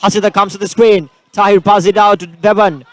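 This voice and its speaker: A man's voice: sits high, level tone, brisk, no echo. A man calling a school basketball final live, rattling off passes and scores with frequent fillers. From Sri Lanka. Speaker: basketball commentator. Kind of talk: live sports play-by-play.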